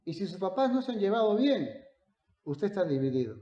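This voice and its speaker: A male pastor preaching with a high, mellow voice. He swings between loud emphatic declarations and hushed storytelling. The sound is dull and lo-fi, in an echoey room. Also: big pitch swings, brisk. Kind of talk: sermon.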